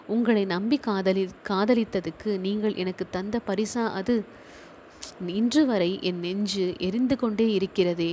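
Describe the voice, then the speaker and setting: A woman's voice: medium pitch, measured pace, dark tone, a little hiss or hum, lightly acted. Brief: a woman doing a tearful, bitter young heroine in an audiobook, reproachful and raised in tone. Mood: anguished.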